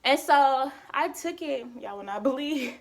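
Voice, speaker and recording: A young woman tells a story to camera in relaxed, slangy chat. She is animated and acts out the people she quotes, her voice swinging between high and low. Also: unhurried, gravelly. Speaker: vlogger.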